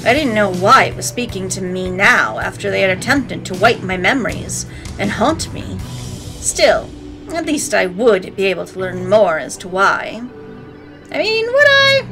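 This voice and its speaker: A woman's voice: mid-range voice, lively intonation, normal speed, rough recording. Playful woman narrating a game over music. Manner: playful, sassy asides. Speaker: let's play host. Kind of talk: reading game narration aloud with joking commentary. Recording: faint game music behind.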